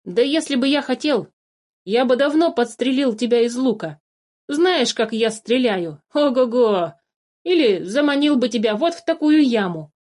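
A woman's voice: fairly high pitch, animated, normal speed, darkish tone, pitched above the performer's own voice. A woman voicing a small, sly male forest changeling who chatters cheerfully and wheedles without guilt. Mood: calm excuses. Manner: chirpy, wheedling, unbothered.

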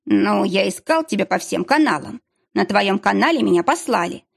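A woman voicing a whiny, pleading middle-aged ex-husband with a drawn-out, whining delivery. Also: medium pitch, expressive, gravelly.

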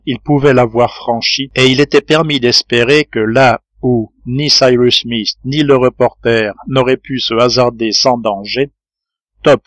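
A man narrating an audiobook of a classic adventure novel in a measured, even reading. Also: medium pitch, no echo. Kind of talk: scripted narration.

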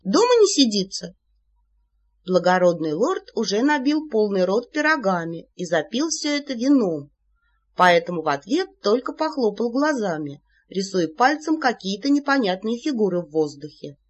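A woman narrating an audiobook in a playful, animated manner. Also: medium pitch, moderate pace. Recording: slightly muffled recording.

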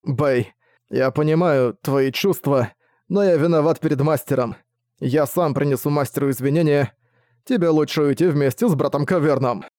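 A man's voice: fairly high pitch, normal speed, a little mellow, no echo, clean studio sound, lightly acted. A man voicing a remorseful young male disciple whose voice trembles with tears. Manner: humble, apologetic.

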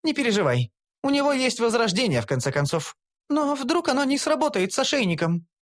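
A man reading an audiobook voices a sharp-tongued young female elf warrior who talks with scorn and scolds. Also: very high voice, big pitch swings, brisk, pitched above the performer's own voice, full character voice. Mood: defensive.

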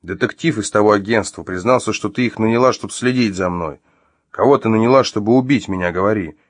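A man's voice: on the low side, a little fast, no echo, close to an everyday voice. A man voicing an angry man who interrogates his ex-wife at gunpoint, growling and barking his questions in an audiobook. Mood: furious.

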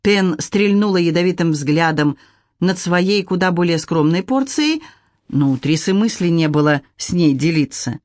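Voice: medium pitch, animated, normal speed, no room sound, clean studio sound. Audiobook reader telling the story evenly, mid voice, no room sound. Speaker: audiobook narrator. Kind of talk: scripted audiobook narration.

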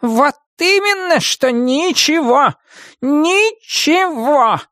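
A woman's voice: high-pitched, animated, measured pace, a bit bright, no room sound, studio quality, pitched above the performer's own voice. A woman voicing a furious, scolding old witch in an audiobook, shrieking and drawing out her angry words. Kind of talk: audiobook character voice.

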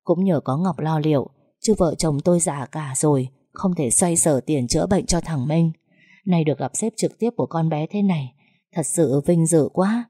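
A woman voicing a quiet, humble older father who talks in a grateful, deferential way. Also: low-pitched, normal speed, breathy edge, no echo, clean studio sound.

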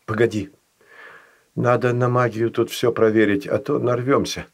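A man's voice: mid-range voice, level tone, moderate pace, natural voice. A man voicing a cautious young male companion who warns anxiously, in a storybook reading. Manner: anxious warnings.

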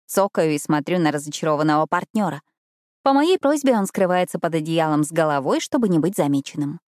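A woman narrates a first-person romance audiobook in an intimate, expressive way. Her voice sits somewhat low, and the recording is dry and close to the mic. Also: brisk, dry recording.

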